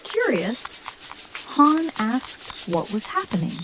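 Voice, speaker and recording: Slow whispering woman telling a bedtime story. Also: on the high side, sing-song, noisy background. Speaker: storyteller narrator.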